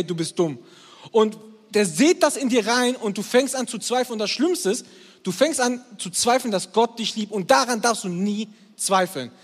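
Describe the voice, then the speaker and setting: A man in his twenties preaching to a live crowd, energetic and constantly checking in with the crowd. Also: extremely high pitch. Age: 20s. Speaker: youth preacher. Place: hall with an audience, also streamed. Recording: long hall reverb.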